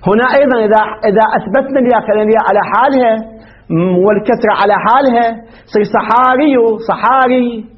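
A man's voice: high-pitched, rapid-fire. A man teaching a grammar class, posing questions to the room and answering them himself in a lecturing manner. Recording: dull lo-fi recording.

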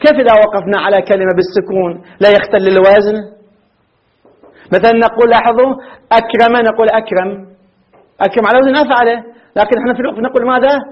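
A man teaching an Arabic grammar lesson. He asks questions and answers them himself, and he repeats words slowly with halting restarts. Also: high voice, steady tone, muffled recording. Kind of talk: classroom lecture.

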